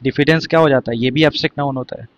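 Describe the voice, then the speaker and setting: A man's voice: medium pitch, steady tone, very fast, muffled recording. A man teaching an exam vocabulary lesson, explaining words one by one and quizzing his students.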